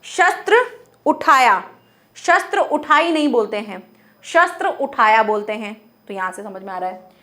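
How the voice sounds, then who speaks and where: A high-pitched woman teaches a grammar lesson. She keeps asking questions and answering them herself, and she repeats each example phrase. Her delivery is patient and explanatory. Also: very animated, a little slow, sharp tone. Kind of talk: classroom-style grammar lesson.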